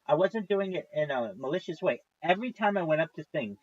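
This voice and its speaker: A man's voice: fairly high pitch, lively intonation, brisk, dull audio. A man in his thirties, a livestreamer, tells a long story in a casual, profane, exasperated way. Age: 30s.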